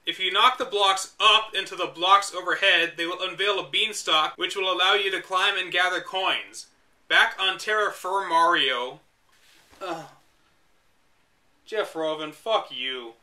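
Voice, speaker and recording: In an unhurried, high, bright voice with a forceful edge, a man works through a game guide aloud. Every so often he pauses to add a weary, wry aside, mixing the reading with sarcastic commentary.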